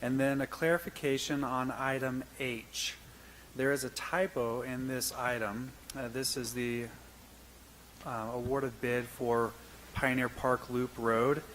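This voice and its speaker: A man's voice: mid-range voice, flat delivery, unhurried, a bit bright, rough recording. A man, a city official, presenting agenda items at a council meeting in a businesslike, explanatory way. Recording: faint background noise.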